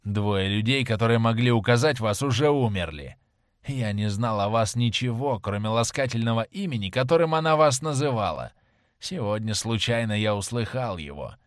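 A man voicing a vengeful male sailor with a slow, heavy, menacing delivery in an audiobook. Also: medium pitch, expressive, no echo, clean studio sound, lightly acted. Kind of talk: audiobook character reading.

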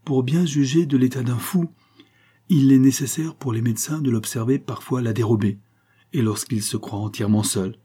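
Grave, calm storybook doctor, read by a man. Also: mid-range voice, breathy edge, pitched above the performer's own voice, natural voice. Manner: grave, measured, soothing.

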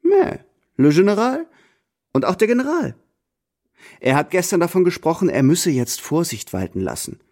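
A pompous French marquis. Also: male voice, fairly high pitch, very animated, brisk, few pauses, a little mellow. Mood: haughty. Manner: pompous, sprinkles in French phrases. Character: haughty scheming French marquis, middle-aged man. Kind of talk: radio drama acting.

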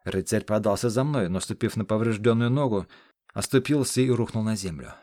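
Low-voiced dramatic male narrator. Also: brisk, warm tone, no room sound, studio quality. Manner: dramatic, intense storytelling. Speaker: audiobook narrator. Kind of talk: scripted narration.

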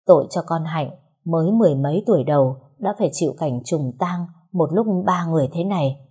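A woman's voice: low-pitched, a little fast, mellow, husky. A woman voicing gossiping village neighbor women trading curious murmurs.

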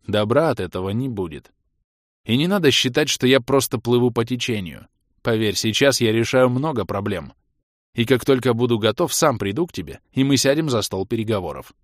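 A man's voice: mid-range voice, expressive, fairly quick, no echo, lightly acted. A man voicing a blunt, defiant young male hero in a dry, close recording. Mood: firm.

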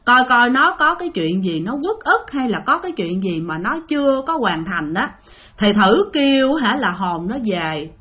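A woman's voice: on the high side, sing-song, moderate pace, fairly bright tone. A woman with a Southern Vietnamese accent, chatting to listeners as she retells ghost stories they sent in. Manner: chatty, addresses listeners directly. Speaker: storyteller.

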